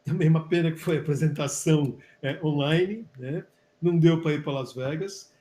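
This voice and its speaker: A man's voice: a little high, moderate pace, mellow. A man with a Brazilian accent, a physician and study coordinator, talking chattily on a live webinar with lots of fillers and restarts. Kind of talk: casual live webinar talk. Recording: echoey room.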